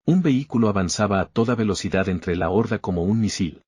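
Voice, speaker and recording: A man narrating a story recap in a steady, even storytelling manner. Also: on the low side, fast talker, husky, no echo.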